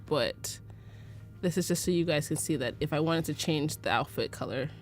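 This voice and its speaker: Over soft music, this low-pitched woman talks at a normal speed. She's a young American from Arizona hosting a relaxed live photo-editing lesson, chatting freely with plenty of fillers and easy laughter.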